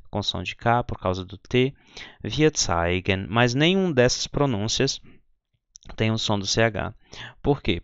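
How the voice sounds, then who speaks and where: A man teaching German pronunciation, patiently spelling out syllables and saying example words slowly. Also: lowish voice, clear, resonant tone, no room sound, muffled recording. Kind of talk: explaining pronunciation lesson.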